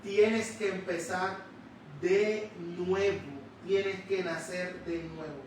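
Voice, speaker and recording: Slow, emphatic high-voiced male preacher. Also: level tone, a little hiss or hum. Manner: slow, emphatic, drawing out key words. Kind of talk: sermon. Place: church sanctuary. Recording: echoey church hall, distant mic.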